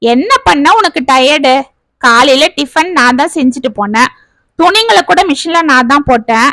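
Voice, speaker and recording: A woman voicing an exasperated young husband who fires off quick, irritated questions in a storybook tale. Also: sits high, lively intonation, pushed and bright, no echo, heavily acted.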